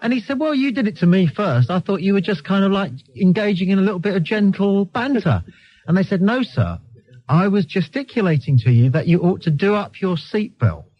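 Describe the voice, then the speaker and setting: An English man hosts a live radio phone-in, bantering and telling anecdotes in a cheeky, teasing, sardonic manner. His voice sits high, a little fast, with lively intonation, captured in a dull lo-fi radio broadcast recording.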